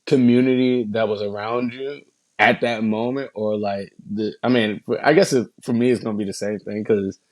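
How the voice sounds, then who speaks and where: A man co-hosting a casual podcast, telling animated stories full of swearing and casual slang. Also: fairly low pitch, moderate pace, dry recording. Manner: animated storyteller, swears a lot, says bro. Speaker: podcast co-host.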